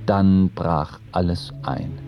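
A man narrating a radio play as a solemn sailor, the lone survivor, in a measured storytelling manner. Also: low voice, fairly even intonation, dull audio, loud music behind the voice.

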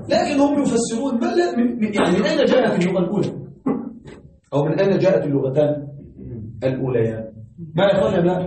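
Lively male grammar teacher in echoey classroom. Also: sits high. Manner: lively, quizzing students, teasing. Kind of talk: classroom lesson with questions to students. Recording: echoey classroom, far from mic, faint noise.

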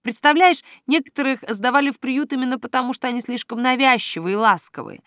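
A woman's voice: high-pitched, fast, a bit bright, dry recording, studio quality, voice pushed up. Woman doing a shy, chatty teenage girl. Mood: eager. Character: shy, sweet teenage girl, eager and friendly.

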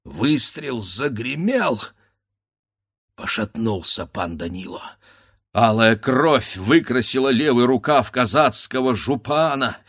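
A man narrates a classic tale as a dramatic audiobook, mid-pitched and full of feeling. The sound is dry and close, with no room around it. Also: animated, slow pace, fairly bright tone, husky, no room sound. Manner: dramatic storytelling with voiced characters.

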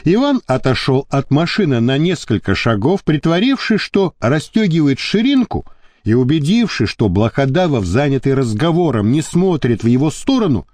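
A man reading an audiobook aloud in an expressive, animated way. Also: a little high, no room sound. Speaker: audiobook narrator.

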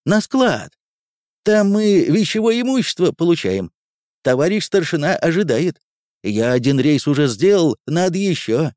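A man's voice: on the high side, very animated, a little slow, darkish tone, no room sound, studio quality, pitched above the performer's own voice. A man voicing a simple, rustic young male truck driver who stammers hesitant filler words.

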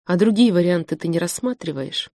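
A patient, wry man in an audiobook speaks calmly and firmly , as a woman narrator puts him on. His lines sit lower and quieter than the narration. The recording is close and dry. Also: brisk, no echo. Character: grown man, calm, wry, patient lover.

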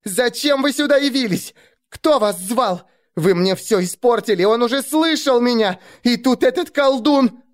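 A shrill village girl, spiteful and tearful, hissing her words in a very high voice, as a male narrator puts her on. Her pitch leaps about wildly. It is a storybook reading. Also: expressive, measured pace. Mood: sobbing, furious. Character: spiteful young village girl, sobbing and vengeful. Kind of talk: audiobook character voice.

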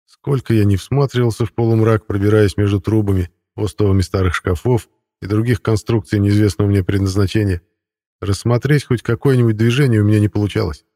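A man's voice: on the low side, steady tone, a little fast, warm tone, dry recording, studio quality. A man reading a first-person audiobook narration in a wry, ironic storytelling manner.

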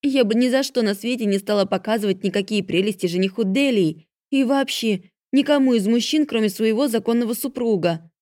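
A woman's voice: a little high, brisk, hardly any pauses, darkish tone, dry recording, clean studio sound, pitched above the performer's own voice, natural voice. A woman voicing a timid young stepdaughter who pleads meekly. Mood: pleading. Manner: pleading, meek.

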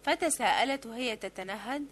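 A woman reading a literary novel aloud as an audiobook, in a measured, steady way. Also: fairly high pitch, a little hiss or hum. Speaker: audiobook reader.

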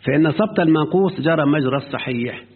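Fast gravelly Egyptian sheikh teaching grammar. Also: male voice, fairly high pitch. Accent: Egyptian Arabic. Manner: keeps checking the listener has understood. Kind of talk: explaining a grammar book to a student. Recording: lo-fi phone-like recording.

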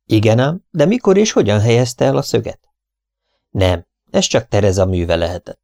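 A man narrating an audiobook in the first person, with a steady inner monologue full of questions. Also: fairly low pitch, creaky, no room sound, studio quality.

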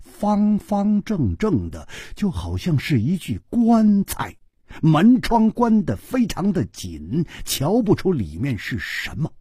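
A man's voice: wildly swooping pitch, slow pace, slightly rough, no room sound, studio quality. A man performing traditional Chinese storytelling, dramatic, with every figure acted out. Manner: dramatic, acts out each figure, wide swings in pitch and loudness.

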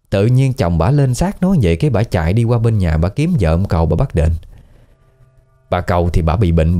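Deep-voiced man with a Southern Vietnamese accent telling a story. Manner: conversational, colloquial, lively storytelling. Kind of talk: casual spoken ghost story narration. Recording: faint background music.

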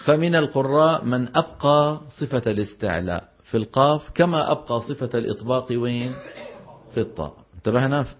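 Male recitation teacher, mid pitch, quizzing tone, muffled lecture audio. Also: animated, a little fast. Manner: explanatory, quizzing students with rhetorical questions. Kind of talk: tajweed lesson with recited examples.

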